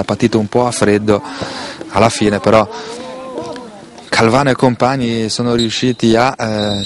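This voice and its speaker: Male, Italian accent, football commentator, low pitch, flat delivery, measured and detailed. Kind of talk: live play-by-play match commentary.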